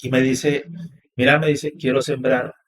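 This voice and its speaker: A man's voice: mid-range voice, level tone, unhurried. A man from Honduras, a podcast guest who tells a story animatedly and quotes each line of dialogue. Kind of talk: storytelling interview.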